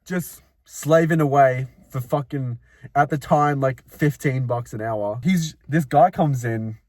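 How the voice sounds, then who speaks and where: A man's voice: mid-range voice, a little slow, darkish tone, no echo. A young man co-hosting a casual chat, telling work stories with frequent laughs and swearing. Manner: laughs often, swears, mocks customers. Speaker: podcast co-host.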